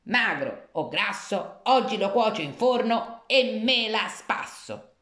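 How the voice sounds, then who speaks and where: Woman putting on a storybook witch, old, greedy, menacing, gloating, slow, echoey room. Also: medium pitch, sing-song, fairly bright tone. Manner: menacing, gloating over food.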